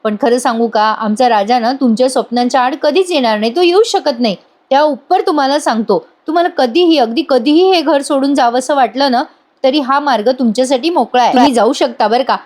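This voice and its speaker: A woman voicing a gentle elder brother. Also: high voice, brisk, close to an everyday voice. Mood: reassuring. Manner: gentle and reassuring. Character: calm elder brother reassuring a young woman.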